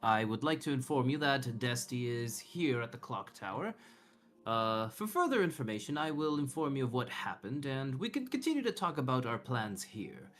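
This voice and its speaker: A man's voice: mid-range voice, big pitch swings, normal speed, fairly bright tone. A man voicing a polite Duke delivering a formal recorded message in a tabletop game. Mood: formal, courteous. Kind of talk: tabletop role-play message. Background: background music.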